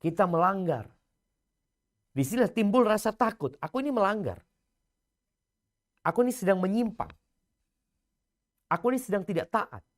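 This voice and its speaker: A man giving a religious lecture, swinging from loud emphasis to hushed, near-whispered lines and chanting scripture slowly. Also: high-pitched, big pitch swings. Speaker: preacher.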